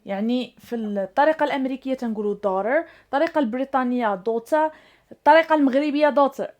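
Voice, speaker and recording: A high-pitched woman with a Moroccan Arabic accent teaches English grammar. She explains in Moroccan Arabic and slows way down, stressing each example sentence. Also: a little mellow.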